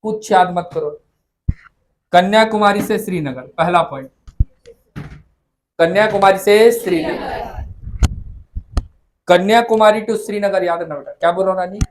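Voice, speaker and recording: A man with a notably high voice teaches an exam-prep class. He hammers facts home by repeating them and teases his students as he goes. He slips English terms into his lecture. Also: fairly quick, a little hiss or hum. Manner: drilling facts by repetition, teasing students; mixes English terms into the talk. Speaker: coaching teacher.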